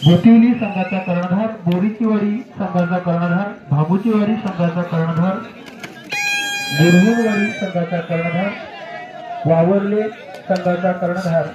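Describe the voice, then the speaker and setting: Male tournament announcer over an outdoor loudspeaker: formal, drawn-out calls, echoing with a loud crowd. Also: high voice, steady tone, background noise. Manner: formal, drawn-out calling of team names. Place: outdoor kabaddi ground.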